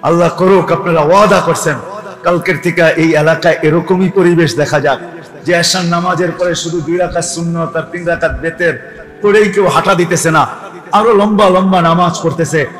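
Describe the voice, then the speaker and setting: High-voiced man preaching in echoey hall. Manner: keeps asking the audience quick questions; shifts between soft and raised passages. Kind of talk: sermon to a gathering. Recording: echoey hall, faint music.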